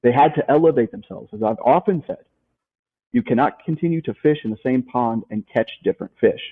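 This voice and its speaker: Over a tinny, phone-like line, a man with a mid-range, sing-song voice talks briskly, with vocal fry and a slightly rough texture. He's a life coach guest in an interview, emphatic and motivational, repeating key points and posing rhetorical questions.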